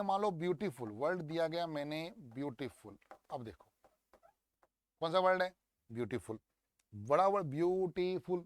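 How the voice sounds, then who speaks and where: A young male teacher coaxes his students through an exam paper, drilling each word out loud. His voice sits fairly high. The recording is dry and close. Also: no echo. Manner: lively, coaxing, drills words aloud. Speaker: English teacher. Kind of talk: exam paper walkthrough lesson.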